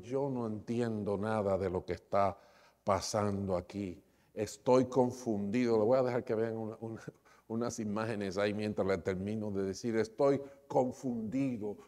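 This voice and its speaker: A man's voice: fairly low pitch, darkish tone. A man preaching a sermon, retelling a story with quoted dialogue. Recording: long reverb of a church hall.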